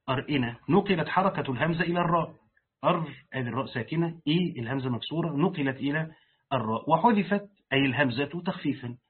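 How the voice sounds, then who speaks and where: A man reading a Quran commentary aloud and pausing to explain it in plain colloquial speech, like a sheikh teaching a lesson. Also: a little high, slightly rough. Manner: reads the text aloud, then breaks off to explain it in colloquial speech. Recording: tinny phone-like lo-fi recording.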